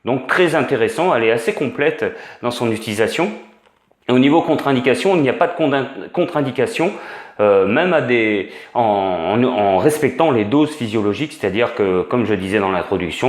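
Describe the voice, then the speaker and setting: A man's voice: medium pitch, reverberant. A man giving an informal spoken lesson as an instructor, hesitant, with many fillers and restarts. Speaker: essential oils instructor.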